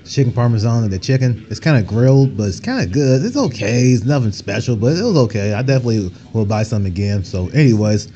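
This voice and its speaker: Mellow, rambling man on a dull recording. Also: mid-range voice. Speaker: food review vlogger. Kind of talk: casual product review chat. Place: indoors at a table. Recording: dull lo-fi camera microphone.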